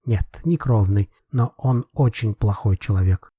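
In this audiobook reading, a man voices an aging, proud and quick-tempered father, begging emphatically in slow, weighty, ungrammatical phrases. His tone is lowish, warm and husky, captured dry at close range without any echo.

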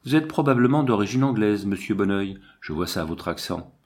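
A self-important little police commissioner, read by a man in an audiobook rattles on in a bluff, confiding manner. The voice sits fairly low. He fusses over his own standing. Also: expressive, brisk. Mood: bluff, chatty. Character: pompous fussy small provincial police commissioner, man.

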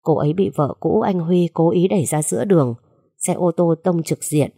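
A woman voicing a tired young doctor who explains bad news calmly in a told story. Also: vocal fry, slightly rough, no echo, clean studio sound. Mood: grave. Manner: low, measured. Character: tired young doctor husband, grave and calm.

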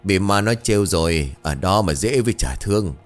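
A man playing a gruff old village master. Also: deep voice, animated, normal speed, faint music behind. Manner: blunt, scolding.

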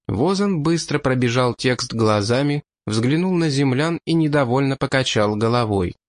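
A man narrating an audiobook in a steady, measured reading voice. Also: mid-range voice, dry recording.

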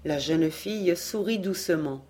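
Woman audiobook reader, classic novel, slow and measured, lowish voice. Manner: slow, measured, expressive reading. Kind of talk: literary audiobook narration.

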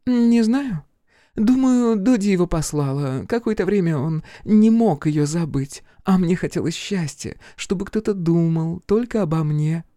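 A capricious young woman, voiced by a woman in an audiobook, theatrical and wheedling. Her voice sits low and mellow, recorded dry and close. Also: animated, unhurried, no room sound. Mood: wistful. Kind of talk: audiobook character acting.

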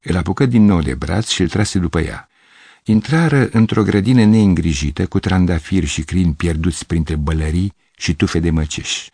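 A man narrating a literary short story in an audiobook, in a measured, steady way. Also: deep voice, breathy edge, no echo.

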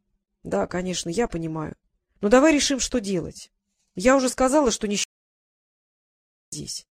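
A woman's voice: medium pitch, lively intonation, normal speed, creaky, dry recording, studio quality. A woman reading as a firm elderly duchess. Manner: firm and commanding, decisive. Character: domineering elderly aunt, a duchess. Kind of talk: audiobook character reading.

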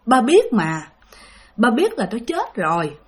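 A woman voicing a frail, hushed old grandfather. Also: on the high side, wildly swooping pitch, measured pace. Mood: sorrowful. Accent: Southern Vietnamese. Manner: hushed, weak and tender.

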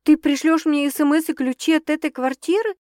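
A woman's voice: fairly quick, no echo, studio quality, lightly acted. A woman voicing an emotional, dramatic young woman who exclaims and protests, her voice raised above the narration. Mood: agitated. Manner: excitable, exclaiming, higher and louder than narration.

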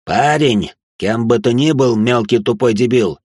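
A man doing a gruff threatening poacher. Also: mid-range voice, a little slow, darkish tone, no echo, clean studio sound. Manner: barking and threatening. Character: gruff armed male village poacher, hostile.

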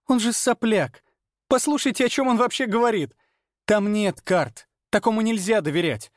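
A man reading aloud and voicing a furious, centuries-old female werewolf who lashes out in scornful shouts. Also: no room sound, clean studio sound. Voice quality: shrill, shouting. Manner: scornful and explosive.

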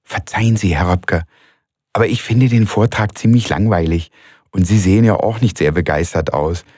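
A man's voice: low voice, moderate pace, a little mellow, slightly rough, no echo, clean studio sound, pitched above the performer's own voice. A man voicing a friendly, persuasive female coworker who pleads and coaxes. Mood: polite. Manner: coaxing, pleading.

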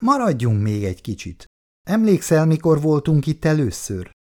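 A man's voice: a little high, very animated, darkish tone, voice pushed up. A man reading aloud and voicing a fond man coaxing his partner to stay a little longer.

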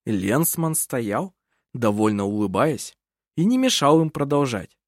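An audiobook narrator reading a mystery in scripted narration with an expressive delivery. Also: medium pitch, measured pace, dry recording, studio quality.

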